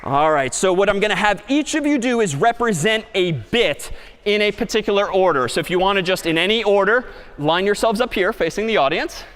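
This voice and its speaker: A man giving a university lecture on stage, lively and often putting questions to the audience. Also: high voice, fairly quick, a faint crowd, slight background noise. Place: large lecture hall stage. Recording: long reverb of a lecture hall.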